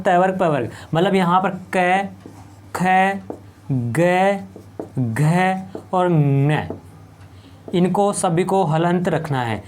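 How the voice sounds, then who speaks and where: Male teacher lecturing at a board. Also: high-pitched. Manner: repeats points and asks rhetorical questions. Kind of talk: whiteboard lecture.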